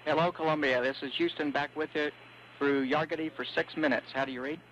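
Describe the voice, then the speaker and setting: A man's voice: on the high side, fairly quick. A man calling a spacecraft crew from ground control, reading out technical data steadily over a radio link. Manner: steady, methodical reading of numbers. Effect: radio transmission sound. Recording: dull lo-fi radio audio with faint hum.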